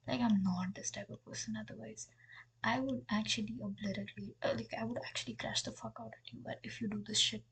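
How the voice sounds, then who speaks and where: Breathy young woman. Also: a little high, steady tone, brisk. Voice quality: breathy, half-whispered. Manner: candid, exasperated, swears freely. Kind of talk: storytime vlog.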